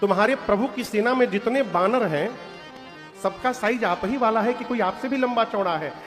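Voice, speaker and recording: Man doing sita as a teasing gentle mother, amused, quite high, long hall echo and soft music. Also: normal speed, natural voice.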